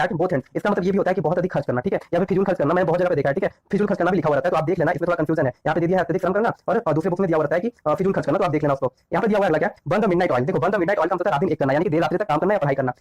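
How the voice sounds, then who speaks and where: A man's voice: a little high, darkish tone, no room sound. A man teaching English idioms in Hindi, who keeps asking himself questions and answering them. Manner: repetitive, rhetorical questions and answers.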